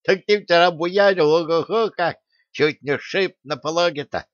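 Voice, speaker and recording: A man's voice: on the high side, unhurried, dry recording, pitched above the performer's own voice, lightly acted. A man doing a lisping toothless old craftsman. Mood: eager chatter. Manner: folksy rustic speech. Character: toothless old male craftsman, cheerful and eager. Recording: dull dry recording.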